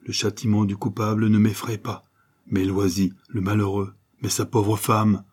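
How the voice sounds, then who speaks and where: A man's voice: lowish voice, little pitch movement, normal speed, a little mellow, breathy edge. A man reading a troubled, reasoning father.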